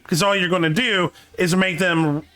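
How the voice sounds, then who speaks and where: A man from Canada chatting casually on a stream, opinionated and halting, restarting his sentences often, with faint game music behind. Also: sits high, steady tone, pushed and bright. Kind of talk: casual chat.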